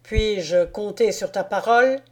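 A woman's voice: medium pitch, measured pace, natural voice. A woman reading cold, disdainful Roman general.

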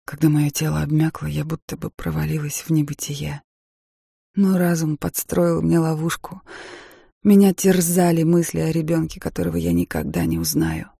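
A woman reading a first-person audiobook in a measured, dramatic way. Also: sits low, vocal fry, warm tone, slightly rough, no room sound, studio quality. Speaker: audiobook narrator.

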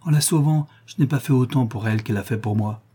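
A man voicing a fervent, grateful young working-class woman, speaking in exclamations with a raised pitch. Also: fast, warm tone, slightly rough, natural voice.

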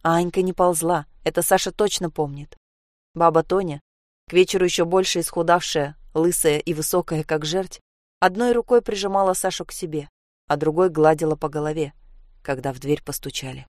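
Low-voiced woman reading a story. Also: brisk, darkish tone, no room sound, studio quality. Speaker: narrator.

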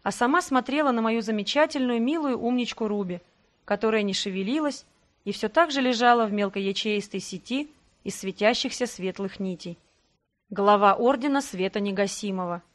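Female audiobook narrator, dramatic first-person reading, slightly high voice. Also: moderate pace.

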